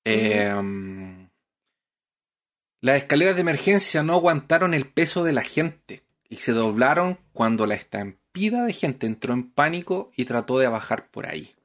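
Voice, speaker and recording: A man's voice: medium pitch, big pitch swings, a little slow, fairly bright tone. Hesitant man recounting history. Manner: narrates history with many hesitations. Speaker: podcast host. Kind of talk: casual explanatory chat.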